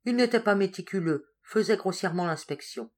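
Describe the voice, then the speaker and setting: A woman narrating a literary story in a measured, expressive reading voice. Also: medium pitch. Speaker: audiobook reader. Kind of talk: scripted narration.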